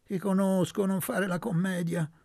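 A woman's voice: medium pitch, steady tone, normal speed, pitched above the performer's own voice, natural voice. A man voicing a coarse older woman who runs a brothel, brusque and scolding in an audiobook reading. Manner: brusque, scolding, sharp-tongued.

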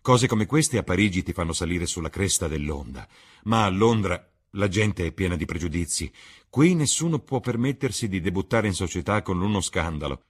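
A man voicing a worldly, cynical male aristocrat, calm and persuasive, in an audiobook reading. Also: low-pitched, normal speed, slightly rough. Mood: grave. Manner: suave, composed, persuasive.

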